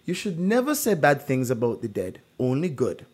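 The host of this informal true-or-false quiz has a medium pitch, moderate pace, and a breathy edge. He narrates stories animatedly, saying "like" again and again.

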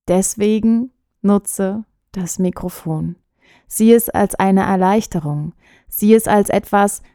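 Woman voice coach, mellow tone, dead-dry booth sound, calm and direct. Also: medium pitch, dry recording. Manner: calm, direct, addresses listener as du. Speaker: voice coach and podcast host. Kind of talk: spoken advice podcast.

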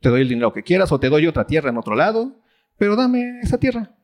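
A man's voice: on the high side, big pitch swings, fast talker. A man voicing a spoiled, greedy king who whines and demands. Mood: wheedling. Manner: whiny, demanding.

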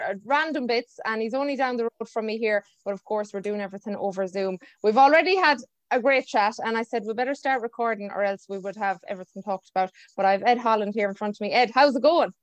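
A woman's voice: fairly high pitch, fairly quick, hardly any pauses, no echo. A woman with a west of Ireland accent hosting a podcast in a chatty, informal way. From County Mayo, west of Ireland. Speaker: podcast host. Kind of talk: casual chat. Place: remote video call.

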